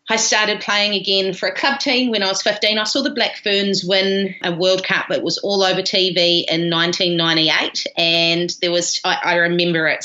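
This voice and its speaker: Podcast guest: woman, broad New Zealand accent, lowish bright voice, casual storytelling, slightly dull lo-fi sound. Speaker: podcast guest, pilot and former rugby player.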